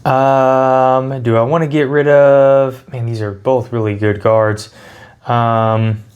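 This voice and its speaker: A man's voice: medium pitch, little pitch movement, slow pace, a little mellow, smooth, highs cut off. Man thinking aloud through a tabletop game. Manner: thinks aloud while explaining step by step. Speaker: host explaining and playing a card game. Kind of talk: casual tabletop game walkthrough.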